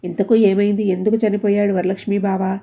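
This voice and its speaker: Fretful bald husband, quick worried questions; a woman narrator reads him plainly. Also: medium pitch, fairly even intonation, vocal fry, mellow, breathy edge, dull audio. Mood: puzzled. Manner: rapid-fire anxious questions. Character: flustered balding middle-aged husband, teasing.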